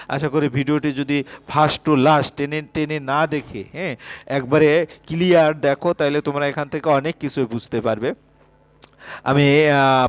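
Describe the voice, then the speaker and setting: A man's voice: fairly high pitch, no echo. A male teacher with a West Bengal Bengali accent giving a step-by-step video lesson to school pupils, with frequent filler sounds and check-ins.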